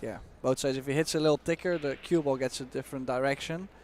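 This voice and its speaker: A man giving expert analysis on a pool match as co-commentator, explaining shots in a measured way with casual fillers. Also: mid-range voice, steady tone, darkish tone, a little hiss or hum. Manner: explanatory, measured, uses fillers like "you know".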